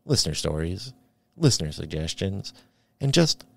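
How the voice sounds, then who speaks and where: A man with a fairly low voice co-hosts a casual podcast, rambling along and restarting his sentences as he goes. He talks into a studio mic while working a mixing board. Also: very animated, normal speed, creaky, slightly rough, no room sound. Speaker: podcast co-host. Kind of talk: casual chat.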